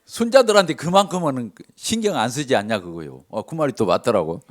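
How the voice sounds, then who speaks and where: A man's voice: mid-range voice, fairly quick. A middle-aged male pastor tells stories from his church in a sermon and acts out the dialogue. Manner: animated, acts out dialogue with shifts of voice. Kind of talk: sermon storytelling.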